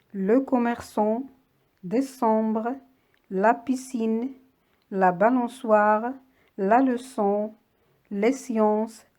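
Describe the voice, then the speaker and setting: A woman teaching a children's reading lesson in a slow, deliberate voice. She sits a little high in pitch and lays out each word patiently, breaking it into syllables for young pupils. It sounds like a voice-over. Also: warm tone. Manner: patient, clearly spelled-out words for young children. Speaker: primary school teacher. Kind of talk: slow classroom lesson read-aloud.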